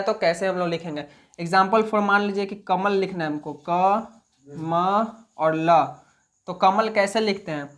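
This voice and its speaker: A man teaching a basic spoken English lesson in Hindi, explaining step by step and answering his own questions. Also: sits high. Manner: repetitive, plain classroom talk.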